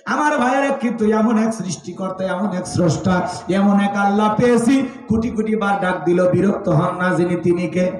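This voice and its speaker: High-voiced preacher, booming echo. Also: male voice, distant mic. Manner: rousing, calls on the crowd to shout back; acts out voices of family and a dog in stories. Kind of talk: open-air waz sermon. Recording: loud echoing PA sound from afar.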